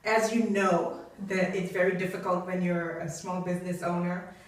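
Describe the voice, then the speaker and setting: A business professor from Trinidad and Tobago, middle-aged, speaks thoughtfully as a guest in a conversational interview, with many fillers in her speech. Her lowish voice holds a steady tone at a moderate pace, recorded by a distant mic in a room with echo.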